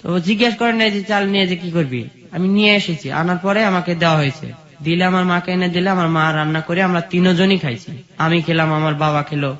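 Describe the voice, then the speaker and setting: A man with a rural Bangladeshi accent tells his own life story as an interview guest, going through it plainly, step by step, with repetition. His voice sits high and fairly bright, and he talks a little fast. The recording sounds dull, muffled and lo-fi.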